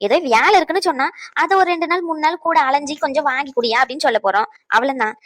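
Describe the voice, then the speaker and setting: A woman's voice: high voice, rapid-fire, a bit bright. A woman voicing a caring but outspoken old grandmother in a cartoon, scolding and lecturing protectively. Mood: indignant. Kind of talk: cartoon voice acting.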